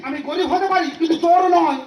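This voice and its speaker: A woman's voice: extremely high pitch, steady tone, fast, darkish tone. A woman playing a dim, boastful village husband who poses as a boatman in a folk stage comedy, with joking, naive retorts. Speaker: stage comic performer. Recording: echoey, distant stage mic with faint music.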